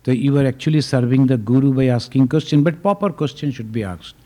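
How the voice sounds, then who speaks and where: A man, a swami, answering questions at a retreat in a slow, deliberate way, often chuckling as he explains. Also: medium pitch, dark tone. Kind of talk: spiritual Q&A talk. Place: retreat gathering hall.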